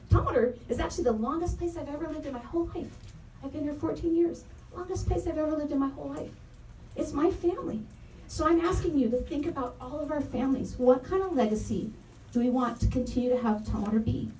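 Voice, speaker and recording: In a roomy, echoey community meeting room, a woman in her thirties who is both a parent and an educator gives an earnest, impassioned public comment, repeating her key phrases for emphasis. Her voice sits on the high side and is slightly mellow. She speaks into a handheld mic held at some distance, so the recording is echoey with faint noise.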